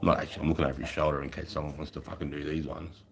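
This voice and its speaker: Man, Australian accent, deep voice, casual livestream chat, blokey, sweary, slangy. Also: flat delivery, very fast, creaky. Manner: blokey, frequent swearing and mate-bro slang. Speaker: livestreamer, former infantry soldier.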